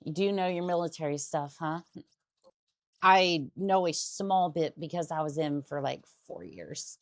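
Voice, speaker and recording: Slow-talking woman streamer, low voice. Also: dry recording. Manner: rambling, restarts sentences. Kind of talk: casual gaming stream chat.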